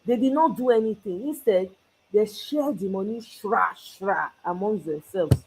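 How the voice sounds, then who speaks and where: A Nigerian woman living abroad runs her own commentary channel, delivering solo political talk with passion as she moves between English and Pidgin. Her mid-range voice is unhurried, slightly mellow and husky, and the recording is rough.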